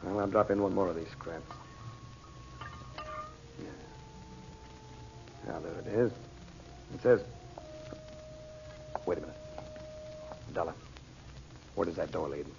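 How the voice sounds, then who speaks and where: A man's voice: sits low, measured pace, creaky, long pauses. An actor playing a shrewd, unruffled magician investigator in a radio adventure serial, talking casually and self-assuredly and muttering as he thinks. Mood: pondering, intent. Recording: muffled, noisy old radio serial recording.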